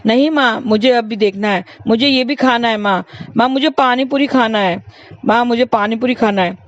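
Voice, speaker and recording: A woman's voice: on the high side, moderate pace, dry recording, highs cut off, lightly acted. A woman voicing a small stubborn boy who pleads over and over for things and for his mother. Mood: whining. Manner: pleading, repetitive demands.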